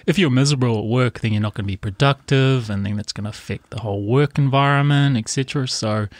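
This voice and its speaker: A man's voice: medium pitch, fast talker, no room sound. Brief: NZ male podcast co-host, mid voice, easygoing agreeable talker, dead-dry studio sound. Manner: agreeable, lists points with frequent "yeah" and "right". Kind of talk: casual conversational podcast.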